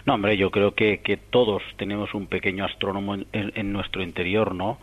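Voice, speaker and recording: A man's voice: lowish voice, level tone, moderate pace. A man from Catalonia, an astronomer answering interview questions in a thoughtful, rambling way full of restarts and tag questions. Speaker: astronomer guest. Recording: muffled radio broadcast.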